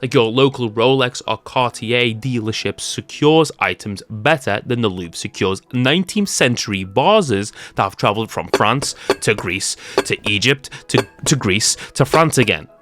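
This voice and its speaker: A man's voice: mid-range voice, expressive, normal speed, hardly any pauses, a bit bright. A young man narrating a scripted tech-comedy video with jokey, sarcastic asides. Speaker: YouTube creator.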